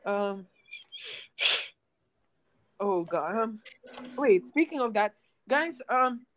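A woman's voice: medium pitch, lively intonation, drawn-out words, a little hiss or hum, low-quality recording. A nineteen-year-old woman chatting casually to her viewers, rambling with lots of ums and restarts. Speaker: gaming channel host.

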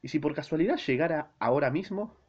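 A man's voice: on the high side, animated, quick pace, darkish tone. A man quoting a trembling, lovesick shoemaker. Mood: hesitant. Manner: hesitant, questioning. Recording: dull lo-fi recording.

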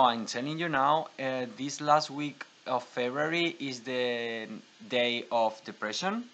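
Higher-pitched male podcast host. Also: fairly bright tone, dull audio. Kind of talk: casual podcast hosting.

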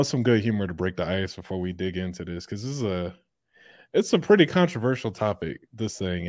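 A man hosting a podcast in casual commentary, blunt and profane, breaking into loud laughter. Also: on the low side, dry recording, clean studio sound. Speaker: podcast host.

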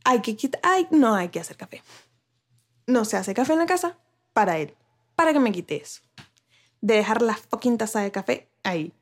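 A woman's voice: a little high, animated, moderate pace, pauses often. A woman vlogger talking casually to camera, giving relationship advice with rhetorical questions and frequent restarts. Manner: chatty, asks viewers rhetorical questions.

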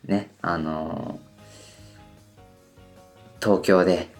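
A band member in his twenties hosts his own casual radio talk alone, rambling hesitantly and filling gaps with constant fillers. His naturally low voice keeps straining to reach higher than usual, while his tone stays steady and his pace very slow. Soft music plays faintly beneath him.

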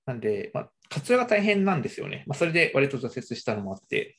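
A young adult in easygoing conversation, voice sitting at an ordinary middle pitch. The talk wanders along with fillers and self-corrections, unhurried and relaxed. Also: slightly rough. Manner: relaxed, hesitant, many fillers and restarts. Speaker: conversation partner. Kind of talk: casual chat.

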